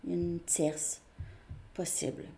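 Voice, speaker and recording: A woman talks her viewers through a tarot reading at an unhurried pace. She repeats words and thinks aloud as she draws cards. A faint hiss sits under her voice. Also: fairly low pitch, flat delivery, gravelly, warm tone. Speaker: tarot reader. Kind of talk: tarot card reading to camera.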